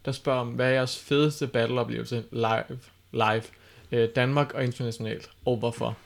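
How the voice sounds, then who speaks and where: A man's voice: mid-range voice, fairly even intonation, vocal fry. A man co-hosting a podcast, talking casually and explaining his reasoning step by step. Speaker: podcast co-host and battle judge.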